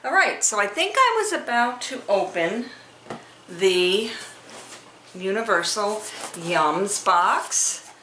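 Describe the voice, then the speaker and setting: Middle-aged woman, unhurried snack taste-test vlog, echoey room, audible background noise. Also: medium pitch, big pitch swings, pushed and bright. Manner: chatty, slow and homey, thinking aloud. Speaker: vlogger.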